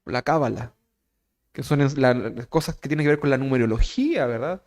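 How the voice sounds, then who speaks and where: A man's voice: medium pitch, fairly quick, darkish tone. A man with a Chilean Spanish accent preaching a teaching sermon, talking conversationally and often checking in with his listeners. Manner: conversational, keeps asking "¿verdad?"; asks the congregation direct questions. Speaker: pastor.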